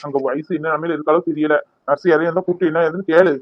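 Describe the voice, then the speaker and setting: A man voicing a worried older father-in-law who pleads and reproaches gently in a cartoon serial. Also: fairly high pitch, steady tone, racing, no echo, dull audio, natural voice. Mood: calming.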